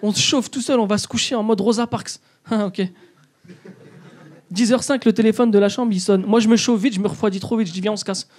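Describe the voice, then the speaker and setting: A man's voice: high voice, steady tone, fairly quick, darkish tone. A young man doing stand-up in a comedy club, telling a story and acting out both sides of the dialogue.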